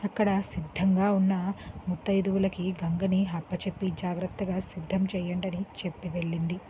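A woman narrating a dramatic story in a steady, earnest reading voice. The sound is tinny and phone-like with a faint hiss. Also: on the low side, normal speed. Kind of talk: scripted narration.

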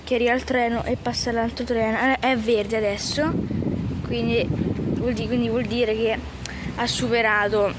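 High-pitched woman vlogging in a noisy station. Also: flat delivery, moderate pace. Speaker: train-spotting vlogger. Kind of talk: casual vlog commentary. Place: outdoor railway station. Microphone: handheld phone, speaker off camera. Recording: noisy outdoor station phone recording.

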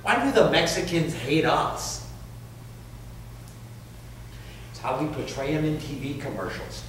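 An actor playing a crude, nosy, loudmouthed man on a park bench, rambling bluntly and vulgarly in a stage play. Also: fairly high pitch, sing-song, normal speed. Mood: prying. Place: stage performance. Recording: echoey, distant, faint hiss.

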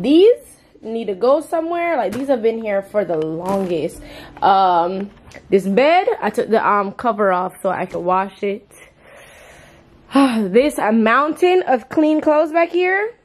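A woman's voice: fairly high pitch, slight background noise. A young woman chatting casually to her viewers as she cleans and sorts things in her bedroom, exclaiming as she goes. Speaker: vlogger. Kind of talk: casual chat. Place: bedroom at home. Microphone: camera on the bed.

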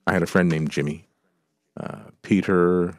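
A man's voice: low voice, fairly even intonation, moderate pace, dry recording, studio quality. An older man, a grandfather, chatting casually and reminiscing as co-host of a live show. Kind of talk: casual chat. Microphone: studio mic.

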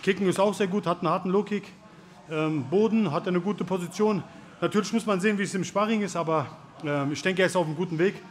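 A man's voice: sits high, fast. A man in his thirties, a fight coach, giving casual instruction and commentary. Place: large busy martial arts gym.

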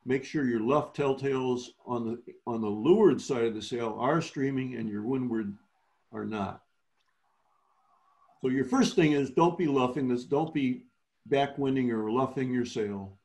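A man of ordinary pitch explains things patiently over a video call, backing up and restarting his sentences as he goes. He sounds like a coach walking newer learners through a lesson. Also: a little slow, a little mellow. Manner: explanatory, restarts phrases often. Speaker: sailing clinic instructor. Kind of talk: virtual clinic teaching.

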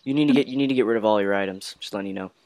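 A man's voice: on the low side, very fast, darkish tone, no room sound. A man hosting a casual gameplay chat, talking in a rambling, offhand way with a light joking streak. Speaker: channel host.

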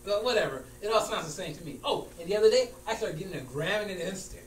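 Distant echoey room. Male actor as stubborn, argumentative coach in a comedy scene, very animated delivery. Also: sits high, fast, a little hiss or hum. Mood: cheerful, muddled. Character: stubborn, easily riled basketball coach arguing with friend. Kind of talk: acting class comedy scene. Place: large room with small stage, indoors. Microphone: far camera.

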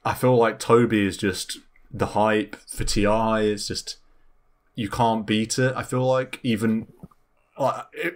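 A man with a fairly low voice chats as host of a casual gaming podcast. He talks enthusiastically and loosely, full of "like" and "I feel like". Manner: chatty and enthusiastic, many fillers.

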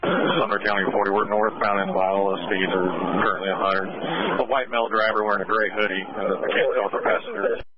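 Low-voiced deputy calling a chase on police radio. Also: male voice, level tone, fast talker. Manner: terse, urgent location and speed calls. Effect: police radio transmission. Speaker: sheriff's deputy in pursuit. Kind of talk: radio pursuit updates. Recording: muffled police scanner radio with crowd noise.

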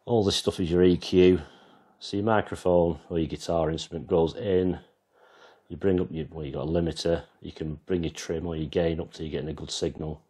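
Filming freehand on a handheld camera, a very deep-voiced English vlogger and band musician gives a casual, rambling walkthrough of his band's live mixer, pointing things out as he goes. His extremely low voice is dark, slightly rough and fairly quick, with fairly even intonation.

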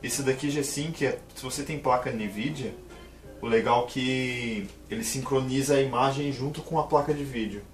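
A man casually explaining and unboxing a computer monitor for his vlog, talking in a chatty, excited way. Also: mid-range voice, moderate pace, recorded from a distance, soft background music. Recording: roomy echo, a bit off-mic.

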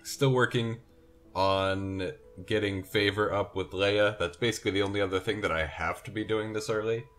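Young man, very low voice, drowsy and yawning, rambling let's-play commentary, quiet music behind. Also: fairly even intonation, normal speed. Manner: rambling, self-correcting, yawning. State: sleepy, yawning. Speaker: gameplay commentator. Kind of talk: casual game commentary.

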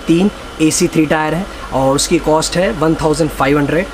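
A travel vlogger in his twenties narrates upbeat and briskly in a fairly high voice, holding his phone camera at arm's length. He explains as he goes and rattles off numbers and facts, moving from a railway platform into a train coach. The noisy recording clearly picks up station and train sounds.

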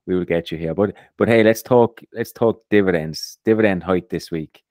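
Man, podcast host, very deep voice, dry close sound, laid-back. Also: normal speed, no echo. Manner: relaxed, often repeats his first words. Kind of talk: casual investing chat.

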